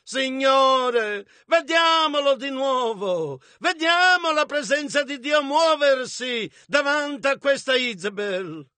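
A man interprets a sermon phrase by phrase, his voice very high, bright, and expressive. He goes slowly and emphatically, shouting whenever the preacher does, in a close, dry recording.

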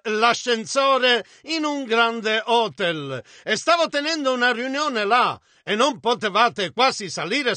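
Guy translating a sermon, very high bright voice, dry close sound. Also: no echo. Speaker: interpreter.

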